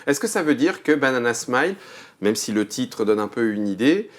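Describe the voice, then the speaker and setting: A man's voice: mid-range voice, sing-song, normal speed. A man hosting a casual interview, playful and joking as he asks questions. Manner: playful, jokey, prompting questions. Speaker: show host.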